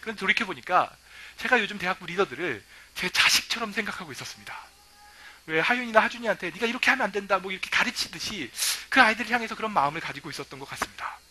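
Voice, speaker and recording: A male pastor preaching a sermon, telling stories lively and acting out what people say. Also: high voice, fast talker. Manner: lively storytelling, acting out quoted remarks.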